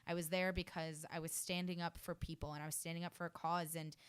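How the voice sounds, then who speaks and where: Smooth-voiced young woman telling her story. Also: lowish voice, little pitch movement, fast talker. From New Jersey, US. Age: early 20s. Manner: earnest, effusive, many fillers. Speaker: interview guest, fashion design student. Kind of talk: radio interview storytelling. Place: radio studio.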